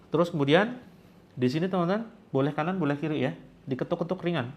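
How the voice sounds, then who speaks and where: A male coach leading a tapping therapy lesson, giving slow, soothing instructions and prayer phrases for listeners to repeat. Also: on the high side, a little mellow. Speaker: spiritual healing coach. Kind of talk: guided tapping therapy session.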